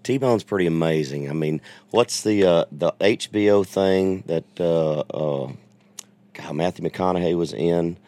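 A man hosting a casual podcast conversation, making enthusiastic, relaxed remarks. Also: low-pitched, unhurried, no room sound. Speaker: podcast host.

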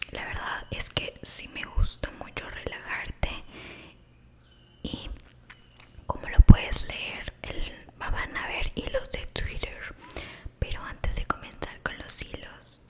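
Woman, whispered ASMR, close microphone, unhurried, affectionate, repetitive. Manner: soft, affectionate, repeats words slowly. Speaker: ASMR creator. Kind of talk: whispered ASMR talk to the viewer. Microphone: close sensitive microphone.

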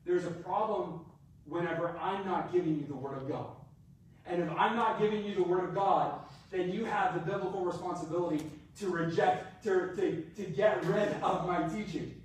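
A man's voice: high-pitched, normal speed. A male pastor delivering a chatty sermon, repeating phrases for emphasis and joking about himself. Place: church sanctuary. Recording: very echoey room from far off, faint ambience.

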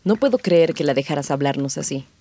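A woman's voice: low-pitched, animated, fairly quick, dark tone. A woman acting a defiant, anxious pregnant sister in an audio drama, dramatic and pleading. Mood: dry, reproachful.

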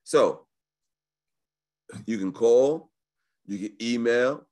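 A man giving a casual, slangy live webinar sales pitch in the manner of a home shopping host, pushing deals and often checking in with the listener. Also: very slow, a little mellow. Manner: informal and slangy, often checking in with right and okay. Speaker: business credit coach hosting a sales webinar.

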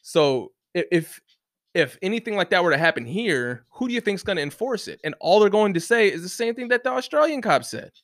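A man rants in a casual, rambling way, full of restarts, fillers and swearing. His voice sits slightly high for a man. The sound is dry and close, with no room in it. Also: expressive, brisk, a bit bright, no room sound. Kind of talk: casual rant to camera. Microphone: close mic, bumped once.

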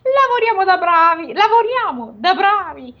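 A woman voicing a brutish, murderous male ogre in a fairy tale, with a mock-gruff, exaggerated delivery. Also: very high voice, very animated, moderate pace, dull audio, voice pushed up.

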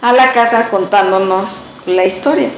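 A woman's voice: mid-range voice, moderate pace, noisy background. A woman with a Mexican accent telling a family story in a casual, rambling way full of fillers. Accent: Mexican Spanish. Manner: rambling, many fillers, acts out dialogue. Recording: echoey room.

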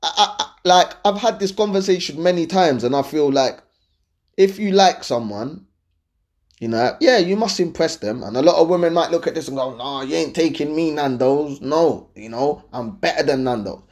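A slightly high, darkish-toned male voice, animated and at a moderate pace, belongs to a London-accented dating and lifestyle host. He casually shares his opinions with viewers in slangy, conversational speech, frequently checking that they're following.

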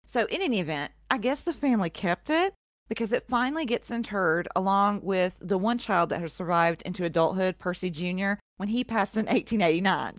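A woman's voice: mid-range voice, no room sound, studio quality. A woman co-hosting a podcast, telling a history story in a casual, profane way and laughing often. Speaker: podcast co-host.

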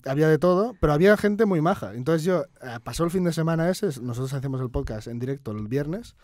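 A man's voice: fairly high pitch, animated, fast talker, a little mellow, no room sound, studio quality. A man from Catalonia, a podcast guest, telling a long anecdote in casual chat, full of fillers and laughs.

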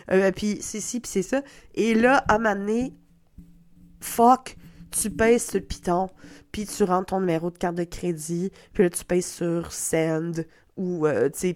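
Chatty Québécois woman. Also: mid-range voice. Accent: Québécois French. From Quebec. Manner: chatty, self-mocking, swears casually. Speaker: podcast host. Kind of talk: casual monologue.

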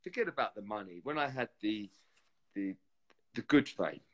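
Against crowd noise, this chat-show guest, once a reality TV contestant, talks in a fairly low, animated male voice. He chats casually but reflectively, often breaking off and starting his sentences over.

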